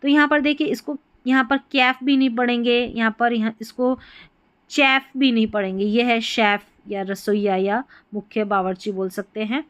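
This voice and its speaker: A patient woman teacher with a slightly high voice explains a lesson step by step. She repeats words and spells letters out slowly. The sound is close and dry. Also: fairly even intonation, dry recording. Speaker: English teacher. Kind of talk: spoken classroom lesson.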